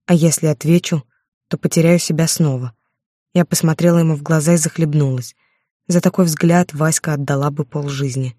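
Mellow woman reading an audiobook. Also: low voice, fairly even intonation, fairly quick, dry recording, clean studio sound. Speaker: audiobook narrator. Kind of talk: first-person romance narration.

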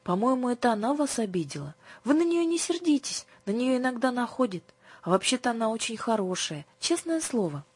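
A woman reading an audiobook, voicing a calm, polite older sister who speaks soothingly. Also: fairly high pitch, a little fast, breathy edge, no room sound, voice pushed up. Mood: gentle.

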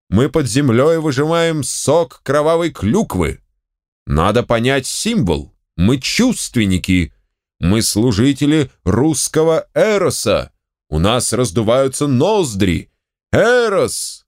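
A man voicing a coarse, bearded fat male professor who bellows his words in slow, emphatic shouts. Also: fairly high pitch, big pitch swings, no room sound, clean studio sound, pitched above the performer's own voice. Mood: ranting.

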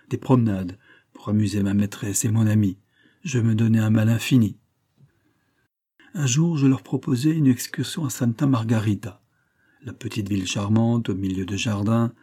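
Husky, dark-voiced male narrator. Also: lowish voice. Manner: measured literary narration. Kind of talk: audiobook reading of a classic story.

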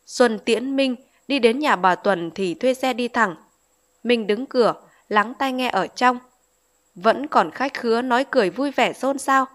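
Woman, audiobook narrator, scripted novel reading, steady storytelling, slightly high voice. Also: unhurried. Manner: steady storytelling read-aloud.

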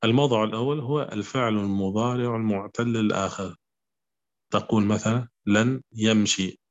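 A man teaching a grammar lesson, speaking slowly and repeating his examples, often checking with the class whether it is clear. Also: on the low side, steady tone. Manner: slow, repetitive, asks "clear?" often. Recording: dull lo-fi recording.

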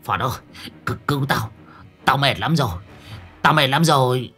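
A man voicing a panicky, self-pitying old man who wails and bleats in a high, strained voice. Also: moderate pace, pushed and bright, faint music behind, close to an everyday voice. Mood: pleading.

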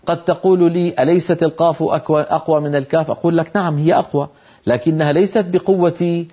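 A man teaching a tajweed lesson on Quran recitation, explaining patiently and slowly sounding out example syllables. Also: a little high, fairly even intonation, mellow, lo-fi sound.

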